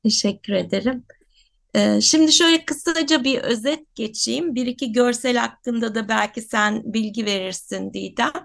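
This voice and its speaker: A woman co-host with a hoarse voice, explaining in a halting, academic way in unscripted talk. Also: fairly high pitch. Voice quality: slightly hoarse. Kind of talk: unscripted radio-style talk.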